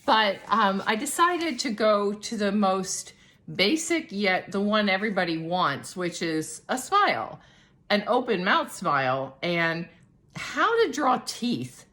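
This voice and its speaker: A woman's voice: medium pitch, fairly bright tone. A middle-aged woman, an art teacher, explaining a drawing lesson in a chatty, demonstrative way.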